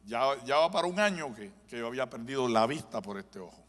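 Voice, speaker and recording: A man's voice: mid-range voice, expressive, fast talker, a bit bright. A male pastor giving a live sermon, telling a dramatic story and building to fervent preaching in a church. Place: church sanctuary. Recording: long church hall reverb.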